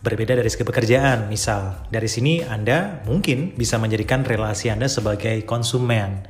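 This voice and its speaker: A man's voice: lowish voice, a little fast, faint music behind. A man hosting a podcast, talking to listeners in a chatty, upbeat way with fillers and rhetorical asides. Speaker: podcast host. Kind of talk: casual podcast talk.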